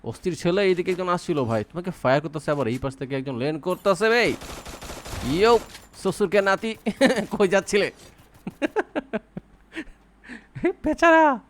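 A man's voice: high-pitched, lively intonation, fairly quick, slight background noise. A young man giving casual, playful commentary while playing a mobile shooter, teasing his opponents and coaching his teammates. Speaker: mobile game streamer.

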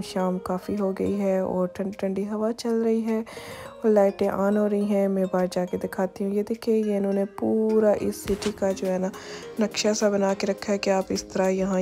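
A woman narrates her evening walk through old city streets for her vlog, filming on a phone as she strolls. Her voice is mellow and fairly level, with soft music playing underneath. She chats along, pointing out each sight as she reaches it. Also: mid-range voice. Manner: chatty, repeats "ye dekhiye" while pointing things out. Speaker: travel vlogger. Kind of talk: casual walking-tour narration. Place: outdoors on city streets at dusk.

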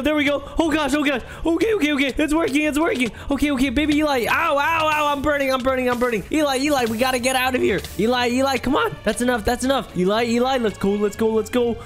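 A young adult man doing excitable role-play gameplay commentary as a worried dad, repeating words in quick bursts. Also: very high voice. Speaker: gaming video host. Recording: music behind the voice. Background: music.

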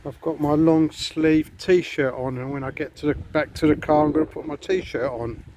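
A man with a fairly high but darkish, steady voice talks at normal speed while walking along a beach and past hotels, chatting casually to viewers. The handheld outdoor vlog has its highs cut off and faint outdoor noise.

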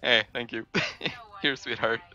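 A man doing excitable gameplay commentary, swearing freely and breaking into squealing laughs. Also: mid-range voice, slow, lo-fi sound. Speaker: gaming video creator.

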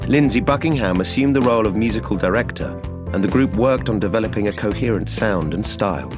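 A man with a lowish voice reads documentary narration, steady and measured. Clear music plays under him the whole time. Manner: even, measured reading. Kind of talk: scripted narration.

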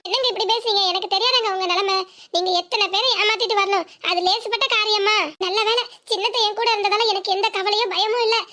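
A level-headed young village wife in a cartoon, voiced by a woman, with a Tirunelveli Tamil accent. Her voice is extremely high and girlish. She talks calmly and sensibly, reassuring the person she speaks to. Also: quick pace. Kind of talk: cartoon voice acting.

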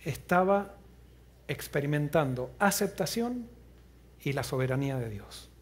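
A man preaching a sermon as pastor, retelling a story earnestly and often dropping to a low, quiet voice. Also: very animated, unhurried. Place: church.

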